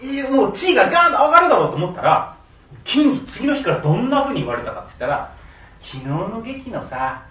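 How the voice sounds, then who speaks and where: Male storyteller, high and very lively, laughs a lot, acts out quotes; off-mic, roomy echo. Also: very fast, distant mic. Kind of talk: storytelling monologue. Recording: echoey room, voice a bit off-mic, faint background noise.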